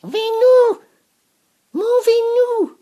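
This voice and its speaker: A man voicing a shrill, overjoyed bearded woman in a comic story, squealing in a high falsetto. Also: animated, extremely slow, warm tone, full character voice. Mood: ecstatic. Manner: squealing, gushing.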